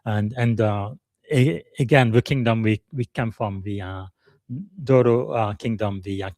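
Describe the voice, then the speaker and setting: A man's voice: lowish voice, a little slow, darkish tone, no echo, studio quality. A middle-aged man from Congo, hosting a live podcast in an earnest, emotional way, with many hesitant "uh" fillers. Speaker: podcast host.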